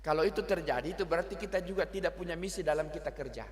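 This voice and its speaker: A middle-aged male pastor preaches in a high voice. He is lively and teasing, and mixes local words into his sermon. The sound carries a long church reverb. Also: racing.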